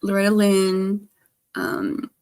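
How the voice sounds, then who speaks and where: A woman livestreamer chatting casually in a halting, rambling way, her speech slightly slurred by missing front teeth. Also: mid-range voice, big pitch swings, a little mellow. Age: adult, grown past teens. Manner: halting, trailing off with repeated stammered starts.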